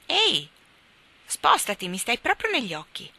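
A woman's voice: mid-range voice, moderate pace, gravelly, pitched above the performer's own voice, exaggerated voice. A woman voicing a cheeky, playful baby boy in a children's story. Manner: lively, bold.

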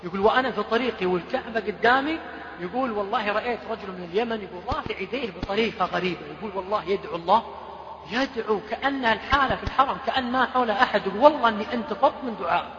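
A man's voice: high voice, rapid-fire, noisy background. A man, preaching a sermon and retelling stories emotionally, quoting people as he goes. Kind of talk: sermon storytelling. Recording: echoey hall, dull lo-fi sound.

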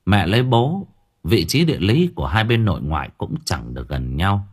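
Male audiobook narrator, low and husky, lively intonation across a spooky story. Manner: expressive, measured storytelling. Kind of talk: first-person horror story narration.

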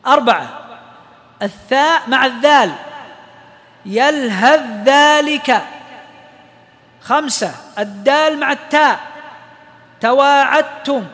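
A man teaching the rules of Quranic recitation, explaining each rule and then chanting short verse examples slowly. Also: extremely high pitch, expressive, fairly bright tone, in a large hall. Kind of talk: tajweed lesson.

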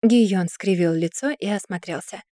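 A woman narrating an audiobook in an even, steady storytelling manner. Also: mid-range voice, normal speed, no room sound, studio quality.

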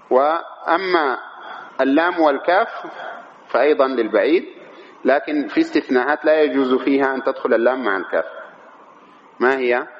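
A man teaching an Arabic grammar lesson who asks the class questions and answers them himself, often checking that they follow. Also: mid-range voice. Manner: keeps checking understanding; slow, measured reading of the text. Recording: dull lo-fi recording with faint noise.

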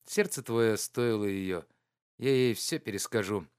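A man playing a composed, kindly friend who talks lower and evenly, with a gently teasing tone. He sounds grounded and practical, in the manner of a classic audiobook character. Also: measured pace, clean tone, close to an everyday voice. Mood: warm. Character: steady, kind male friend, calm and practical.

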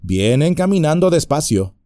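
A man's voice: on the high side, very animated, moderate pace, dark tone, no echo, clean studio sound, pitched above the performer's own voice. A man voicing a bold, defiant young hobbit in an audiobook. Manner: defiant, cocky.

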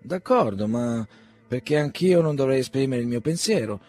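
A man's voice: mid-range voice, animated, normal speed, darkish tone, faint music behind, voice pushed up, natural voice. A man doing a heated earnest young man. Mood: indignant. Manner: heated and indignant. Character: earnest young man, hot-tempered and proud.

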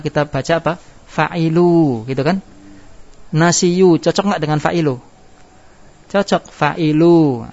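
In this dull, lo-fi classroom recording, a man teaches grammar in a slightly high, slightly mellow voice. He explains each point in turn and asks his students questions that he goes on to answer himself.

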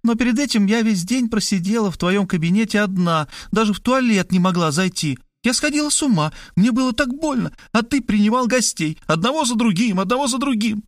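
A man's voice: high voice, lively intonation, brisk, hardly any pauses, no room sound, studio quality, pitched above the performer's own voice. A man reading an audiobook and voicing the narrator's sister, an emotional young woman who talks in a plaintive, sighing, pleading way. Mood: hurt.

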